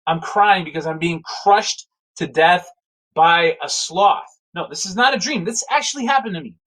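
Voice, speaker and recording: A man telling a casual spoken anecdote in a rambling, animated way, full of fillers and restarts. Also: high-pitched, normal speed, poor audio. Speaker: storyteller.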